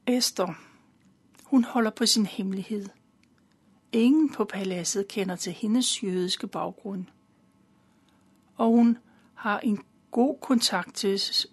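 Husky woman retelling a Bible story. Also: mid-range voice. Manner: calm, simple storytelling with occasional fillers.

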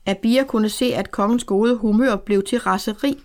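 A woman narrating a historical novel in steady, measured scripted storytelling. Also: mid-range voice. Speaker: audiobook narrator.

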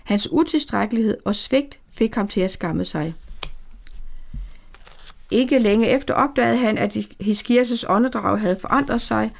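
A woman narrating a story aloud in a calm, measured way. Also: fairly high pitch, vocal fry. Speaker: audiobook narrator. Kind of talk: scripted narration.

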